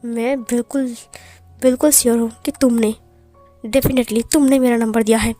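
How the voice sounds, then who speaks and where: A woman's voice: on the high side, fairly even intonation, moderate pace, warm tone, dry recording, soft background music, natural voice. A woman voicing a hot-tempered young male mafia boss who fires off angry, demanding questions.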